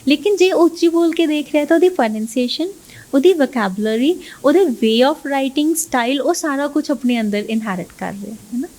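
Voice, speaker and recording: A woman's voice: high-pitched, lively intonation, moderate pace, a little mellow. A woman English teacher, explaining her methods in an interview and often checking "right?" with the listener. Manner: mixes English phrases into Punjabi, keeps asking "right?".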